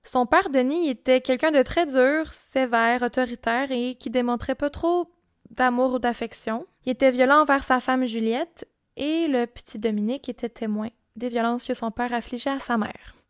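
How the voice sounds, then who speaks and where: A Québécois woman with a high, bright-pitched voice narrates a true-crime case for her podcast. She talks casually, with small fillers and asides. The sound is close and dry, with no room around her. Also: moderate pace, smooth, dry recording. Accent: Québécois French. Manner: casual, chatty storytelling with frequent fillers. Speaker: podcast host and storyteller.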